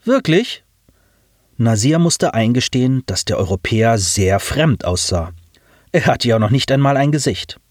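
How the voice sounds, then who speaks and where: A male narrator reads a science fiction audiobook with a lively, rising and falling melody. He tells the story at a measured pace in a middle register. The sound is dry and close, as in a booth. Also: mid-range voice, dry recording.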